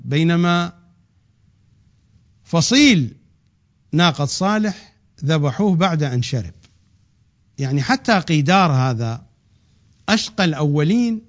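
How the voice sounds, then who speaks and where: A man giving a religious lecture, swinging from loud drawn-out emphasis to quick low asides. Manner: rising to emphatic peaks, then dropping low and rushing; draws out key words slowly. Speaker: preacher. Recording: dull lo-fi recording.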